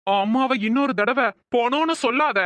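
An actor plays a worried young cartoon husband with a fairly high voice, recorded dry and close. He speaks sternly and snaps at his wife. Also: moderate pace, a bit bright, no echo. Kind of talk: comic cartoon dub.

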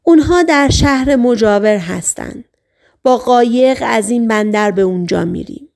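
A woman narrator reads a hypnotized patient reliving a sailor's life, speaking in short, halting, trance-like phrases. The voice sits fairly high with a gravelly fry in it. Audiobook reading. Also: lively intonation, darkish tone. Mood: plain.

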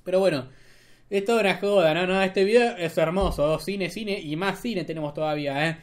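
A man's voice: high-pitched, moderate pace. An Argentine man hosting a political commentary vlog, talking in a mocking, sarcastic way. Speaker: host.

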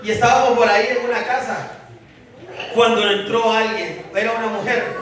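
A man from El Salvador preaching a fiery sermon as pastor, shouting and calling on the congregation to answer. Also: high voice, steady tone, normal speed, recorded from a distance, slight background noise. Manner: preaches with shouted calls and call-and-response. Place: large church hall. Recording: echoey hall, mic from afar, congregation.

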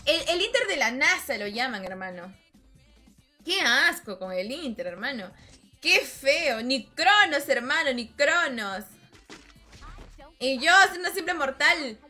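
Woman game streamer, high and bright, chatty and teasing, light music under her voice. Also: sing-song, slow. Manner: chatty, teasing, calls viewers "hermano". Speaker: gaming livestreamer. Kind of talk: casual live-stream chat with viewers. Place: home room with her cat nearby.

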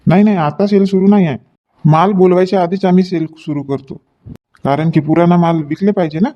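A man playing a chatty shopkeeper in a comedy sketch, joking with customers while pitching his goods. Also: fairly even intonation, fairly quick, dull audio. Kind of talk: comic sketch acting.

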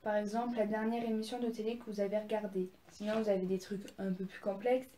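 A woman's voice: mid-range voice, fairly even intonation, fast, warm tone, roomy sound, slight background noise. A young woman casually showing her presents, chatty and gushing, with many fillers and restarts. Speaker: vlogger. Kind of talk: casual haul video.

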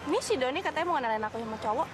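A woman's voice: sits high, lively intonation, racing, noisy background. An actress playing a picky young woman who trades playful jabs with a friend. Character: choosy young woman being set up.

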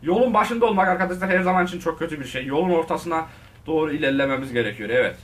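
Excitable young-sounding man commenting on a game. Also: a little high, racing, distant mic. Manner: excitable, talks to viewers, shouts at the game. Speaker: gaming video host. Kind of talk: casual gameplay commentary.

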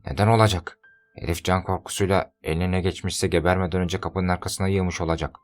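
A man playing a gruff, scornful scheming steward. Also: low-pitched, steady tone, brisk, close to an everyday voice. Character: gruff scheming male steward, bossy uncle.

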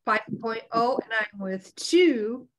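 A woman's voice: fairly high pitch, lively intonation, takes it slowly. A woman co-hosting a casual podcast chat, friendly and easygoing, asking her partner questions. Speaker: co-host.

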